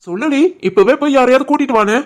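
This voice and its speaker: A woman's voice: high voice, fast talker, close to an everyday voice. A woman voicing a teasing young Tirunelveli husband. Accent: Tirunelveli Tamil. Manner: teasing banter, turns soft and worried. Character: young husband, teasing but caring, shopkeeper. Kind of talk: animated family story.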